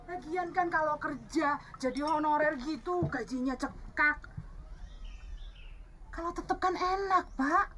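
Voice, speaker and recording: Istri yang ngomel, suara tinggi, pelan. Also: female voice, sits high, a little slow, a bit bright, slight background noise. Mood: nagging. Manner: nagging. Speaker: wife. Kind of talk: film drama.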